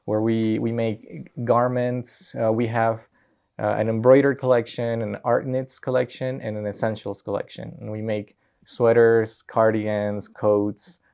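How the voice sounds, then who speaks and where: A man's voice: lowish voice, flat delivery, a little slow, gravelly, darkish tone, clean tone. A man from Peru, a business owner and guest, talking in a casual interview, hesitant with many ums and restarts.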